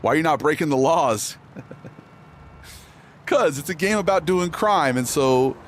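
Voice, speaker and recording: A man's voice: a little high, lively intonation, slow. A man chatting casually and laid-back while live-streaming a game. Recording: game and car noise underneath.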